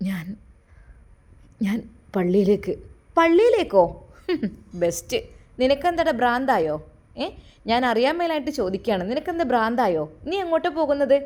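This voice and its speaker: A woman voicing a proud middle-aged mother who speaks in a shrill, incredulous, scolding way. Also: a little mellow.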